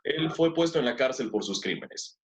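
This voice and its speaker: A man's voice: mid-range voice, expressive, normal speed. A man teaching an English class in two languages, who repeats words and keeps praising his students. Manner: switches between two languages to explain.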